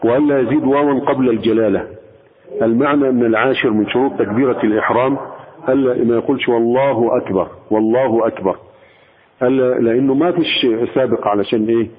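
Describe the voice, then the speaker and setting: A male sheikh with an Egyptian accent teaches a jurisprudence lesson, patiently explaining and carefully sounding out each phrase. His voice sits at a middle pitch. The recording is thin and phone-like, with a long hall reverb. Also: slightly rough. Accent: Egyptian Arabic. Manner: explains patiently, slowly demonstrating pronunciations.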